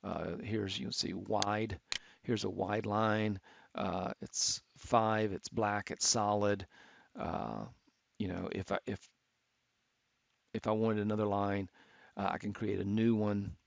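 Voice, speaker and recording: A middle-aged man teaching architecture students, talking through a software tutorial with many fillers and restarts. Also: lowish voice, little pitch movement, slow, vocal fry, no room sound. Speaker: architecture instructor. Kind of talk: screen-recorded software tutorial. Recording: dull, lo-fi screen capture.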